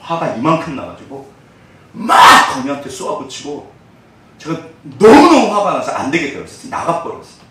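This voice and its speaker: A man in his forties preaching a sermon, telling personal stories in an animated way that swings between loud and hushed. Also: a little high, normal speed, background noise. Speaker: pastor. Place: church sanctuary. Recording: echoey church hall, distant mic.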